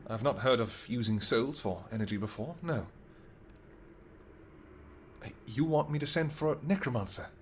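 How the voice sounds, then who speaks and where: In a roleplay audio drama, a man voices a tender, protective vampire king, speaking formally and earnestly in halting phrases. The mood is gentle and puzzled. His medium-pitched voice sounds natural, with a little hiss or hum.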